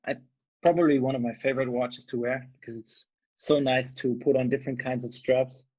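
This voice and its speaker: A man's voice: medium pitch, steady tone, a little fast, darkish tone, breathy edge, rough recording. A man from Austria, hosting a casual video chat in an easygoing, agreeable way. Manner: easygoing, agreeable, many short yeahs. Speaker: host. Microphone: video call mic.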